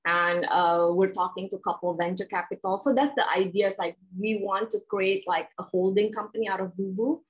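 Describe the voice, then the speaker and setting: A woman's voice: mid-range voice, steady tone, fairly quick, few pauses, low-quality recording. A middle-aged woman, a guest entrepreneur explaining her businesses in a casual interview over a video call, listing things with many fillers. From Indonesia. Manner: explanatory, with frequent fillers and lists. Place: home room.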